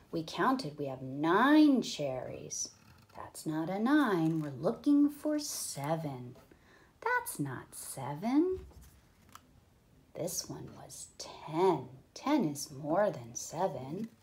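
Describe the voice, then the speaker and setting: A young female teacher reads a counting book aloud to small children. She counts slowly in a sing-song voice, dropping into playful whispers and jumping up in pitch with excitement.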